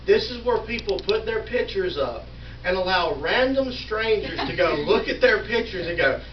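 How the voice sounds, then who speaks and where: Self-mocking comedian, distant and roomy. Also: male voice, sits high, lively intonation, normal speed, a little hiss or hum. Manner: self-mocking, bantering with the audience. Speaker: stand-up comedian. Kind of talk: live stand-up set with crowd work. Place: small indoor venue in a wine store. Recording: roomy, distant, dull live recording with crowd ambience.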